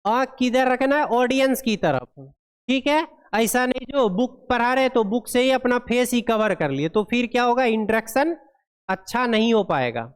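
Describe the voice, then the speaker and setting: A woman lecturing a class, reading English points slowly and explaining them with frequent checks on the students. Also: a little high, animated, clear, resonant tone. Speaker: pharmacy lecturer. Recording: long hall reverb.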